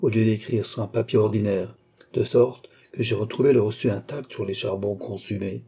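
A man reading a cold, composed count who calmly demands repayment, keeping a polite but unyielding manner. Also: on the low side, normal speed, husky. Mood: cool. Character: icy, composed male count and sorcerer-creditor.

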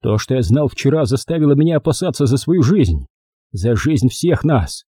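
A man playing a defiant young man with a gun, speaking forcefully in an audiobook reading. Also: mid-range voice, big pitch swings, normal speed, husky, dry recording, studio quality, voice pushed up. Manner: forceful, shouting.

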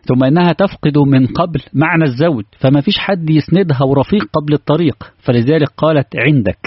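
A man with an Egyptian Arabic accent preaches quickly and earnestly, firing rhetorical questions at his congregation. His voice is husky and dry, close to the mic. The recording sounds dull and lo-fi. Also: on the high side, no echo. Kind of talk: conversational sermon.

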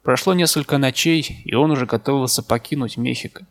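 A man narrating a literary novel as an audiobook in a calm, measured way, with a gravelly voice. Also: mid-range voice.

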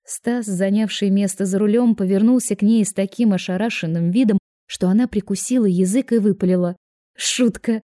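A woman narrating an audiobook in a measured storytelling manner. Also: mid-range voice, fairly even intonation, mellow, no echo, clean studio sound. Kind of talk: scripted narration.

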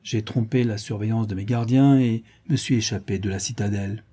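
Narrator doing a defiant young lover, husky dark voice, storybook reading. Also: male voice, on the low side, brisk. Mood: impassioned. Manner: impassioned, defiant. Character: proud, passionate young man in love. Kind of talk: audiobook reading.

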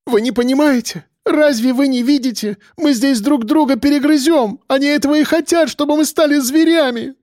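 A tearful middle-aged wife, her voice trembling and breaking high and shrill. She pleads and sobs through every line, from a storybook read aloud. The voice sits far above a man's usual range and sounds dry and close. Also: normal speed, few pauses, a little mellow, no echo. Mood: pleading. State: crying.

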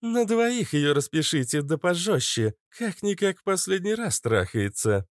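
Man voicing a haughty nymph woman, high and mocking. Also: sing-song, unhurried, dry recording, clean studio sound. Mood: scornful. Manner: imperious and mocking. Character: haughty, scornful young woman nymph mistress.

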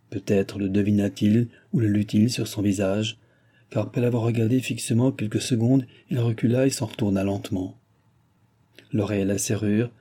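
A man reading a novel aloud as narrator, in a measured, even delivery. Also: on the low side, slightly rough. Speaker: audiobook narrator.

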